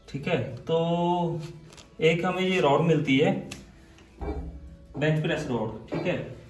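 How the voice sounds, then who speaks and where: Chatty man reviewing gear in an echoey room. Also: a little high. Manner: chatty, repeats "ठीक है" often. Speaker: product reviewer. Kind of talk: casual product review. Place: room with tiled floor, indoors. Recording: echoey room, a bit far from mic.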